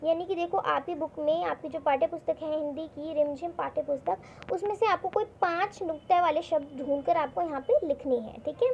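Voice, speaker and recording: A woman's voice: high-pitched, a little fast, vocal fry. A woman teaching a worksheet lesson to children, explaining step by step, repeating words and asking the class questions. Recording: dull lo-fi recording with faint noise.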